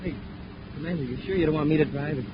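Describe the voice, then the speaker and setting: An excitable young male space cadet played by an actor speaks in a boyish, fairly high voice. The 1950s radio serial recording is muffled and clearly noisy. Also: fast talker, close to an everyday voice. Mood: amazed, eager. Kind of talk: 1950s radio drama acting.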